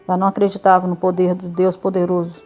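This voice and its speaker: A woman's voice: fairly low pitch, monotone, fast, a little mellow, muffled recording, faint music behind. A woman giving a religious testimony, telling her story with feeling and acting out the other people's words. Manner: emotional storytelling, retelling dialogue with quoted voices. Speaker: church member giving testimony.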